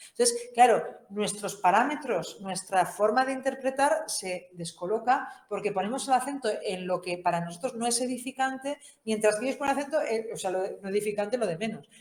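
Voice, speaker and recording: Speaking a little fast with hardly any pauses, this woman has a medium-pitched voice and a Spain Spanish accent. She delivers a humorous, conversational Bible course talk, frequently tagging questions onto her sentences, and the room echoes noticeably.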